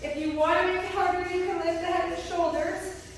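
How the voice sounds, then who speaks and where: High-voiced woman coaching a workout in echoey space. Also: fairly even intonation, brisk. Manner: short clipped cues and countdowns; encouraging, working out along with viewers. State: exerting, puffing between sets. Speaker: fitness instructor. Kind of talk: workout coaching, counting and cueing. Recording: echoey hall, distant microphone.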